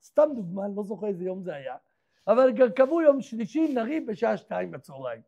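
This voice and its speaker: A rabbi with a very high, gravelly voice that still sounds mellow and dark in tone. He preaches through a story, firing rhetorical questions at the listeners and performing each character's lines. The recording is dull and lo-fi. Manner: acts out the characters' dialogue in lively voices. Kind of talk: storytelling sermon.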